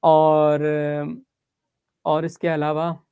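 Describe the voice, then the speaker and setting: Low-voiced woman teaching a class. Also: monotone, drawn-out words, mellow, clean tone, no echo, dull audio. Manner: explains step by step, with frequent check-ins to students; mixes English words and phrases into Hindi. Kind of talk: geography class lesson.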